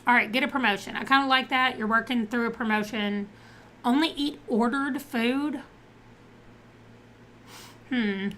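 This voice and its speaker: A woman's voice: a little high, measured pace, pauses often, a bit bright, a little hiss or hum. Chatty woman streamer thinking aloud. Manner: chatty, thinking aloud while reading options and viewer comments. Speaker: game streamer. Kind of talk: casual live-stream chat.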